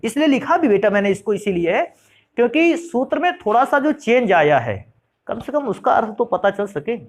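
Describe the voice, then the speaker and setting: Teacher quizzing students on chemistry. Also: male voice, extremely high pitch. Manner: asks questions and answers them himself; calls students "beta" and "bhaiya". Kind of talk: classroom lecture.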